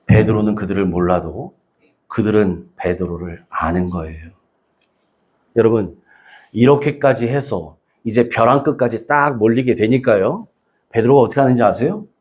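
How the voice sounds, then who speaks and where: A man's voice: on the low side, moderate pace, a little mellow, breathy edge. A man pastor preaching a Sunday sermon, emphatic, prodding the congregation with rhetorical questions.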